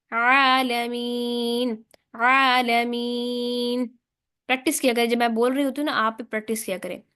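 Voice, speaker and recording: A woman teaching a Quran recitation class, patiently repeating sounds and chanting phrases slowly, with her praise spoken very softly. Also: on the high side. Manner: slow, patient, demonstrates sounds by repeating them.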